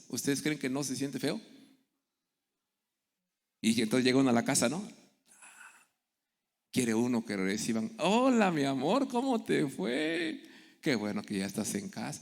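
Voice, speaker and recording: A man's voice: medium pitch, steady tone, normal speed, pauses often. A middle-aged man preaching a sermon, telling stories and acting out the people in them. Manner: storytelling, acting out quoted voices. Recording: echoey hall with long reverb.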